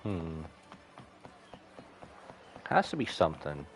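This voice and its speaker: A game streamer with a very deep voice gives casual live commentary, reacting sentimentally and musing aloud to himself. He speaks slowly with big swings in pitch.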